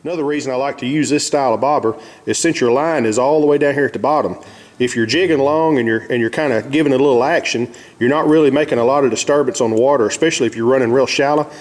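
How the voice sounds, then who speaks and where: The host of a fishing vlog, an Arkansas man from the United States with a Southern accent, rattles off a how-to demonstration at medium pitch and rapid-fire speed. He keeps it casual, folksy, and plain.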